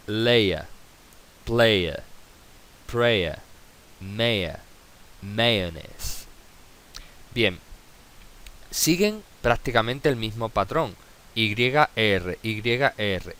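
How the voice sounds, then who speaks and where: A man's voice: medium pitch, a bit bright. A man teaching an English lesson in a video tutorial, with a Spanish accent, patiently repeating example words.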